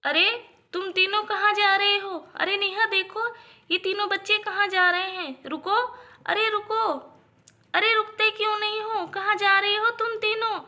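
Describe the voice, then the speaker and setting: A woman's voice: extremely high pitch, steady tone, unhurried, bright, forceful tone, voice pushed up, full character voice. A woman voicing a worried mother who calls out to stop wandering children, scolding them in a doll storybook video. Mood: alarmed, scolding. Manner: calling out, scolding.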